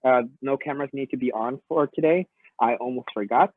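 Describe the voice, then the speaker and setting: During an online lesson, a male teacher with a mid-range voice speaks briskly, politely accepting and thanking students for their feedback. No room sound is present, though his computer mic gives a muffled, phone-like quality, like hearing him through a wall or underwater.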